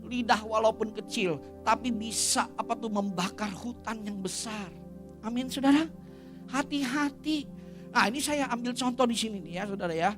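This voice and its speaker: A man preaches with a casual lilt, cracking jokes and calling on the congregation to repeat his words back. His delivery is energetic and animated. Faint music plays behind him in a church service. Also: sits high, moderate pace. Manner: energetic, jokes and leads call-and-response with congregation. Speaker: pastor. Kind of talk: lively humorous sermon.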